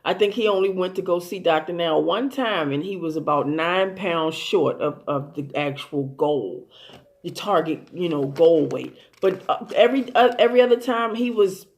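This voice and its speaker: A woman's voice: fairly low pitch, normal speed. A woman giving a casual recap and commentary on a TV episode, blunt and amused, swearing freely and using lots of fillers and restarts. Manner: rambling and profane, with many fillers and restarts. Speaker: TV show commentator.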